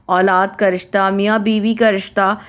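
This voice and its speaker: A woman's voice: mid-range voice, level tone. A woman from Pakistan giving a conversational talk on family relationships, listing points one by one and acting out what people say. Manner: conversational, repeats and lists points, acts out quoted speech. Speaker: Islamic family-life speaker.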